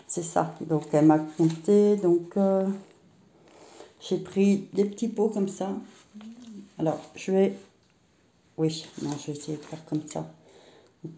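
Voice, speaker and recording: A woman's voice: sits low, gravelly, mellow. A middle-aged woman chatting casually through a grocery haul vlog at home, rambling with frequent hesitations. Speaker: vlogger. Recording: roomy echo.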